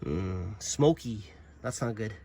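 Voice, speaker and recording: A young adult to middle-aged father of a daughter hosts a workshop channel, casually narrating a repair vlog in his home workshop or yard beside a mower and thinking aloud with plenty of uhs. A sinus infection makes his lowish voice slightly nasal; he sounds animated but slow, with vocal fry and background noise.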